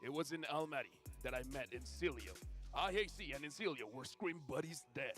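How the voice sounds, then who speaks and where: A deep, dramatic movie-trailer narrator, as a man puts him on draws out every phrase with slow, portentous weight. The voice sits low and heavy but still swings through a wide melodic range. Faint music plays behind. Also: lively intonation, a bit bright.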